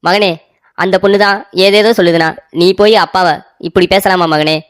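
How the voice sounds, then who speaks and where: A woman's voice: medium pitch, steady tone, a little fast, slight background noise, lightly acted. A woman voicing a sentimental, doting elderly father in a cartoon story, talking with melodramatic, pleading emotion. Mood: hurt.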